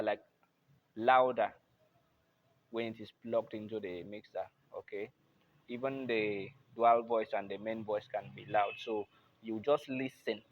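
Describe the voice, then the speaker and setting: Seated at his keyboard, a man gives a patient, casual step-by-step tutorial in a plain manner, repeatedly saying "I believe you can hear." His voice is lowish, and the muffled recording carries a little hiss or hum.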